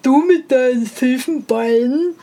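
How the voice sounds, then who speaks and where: A woman's voice: high voice, measured pace, dark tone. Woman doing a scornful boastful hare. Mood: mocking. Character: haughty mocking male hare, proud of his long legs.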